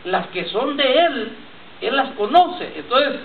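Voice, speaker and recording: Man preaching in a roomy church, high pitched, lo-fi phone-like sound, pretty far from the mic. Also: sing-song, slow pace, a little hiss or hum. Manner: repetitive, addresses listeners as brother. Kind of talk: sermon with personal testimony. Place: church congregation. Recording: tinny lo-fi church recording from far off. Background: congregation responses.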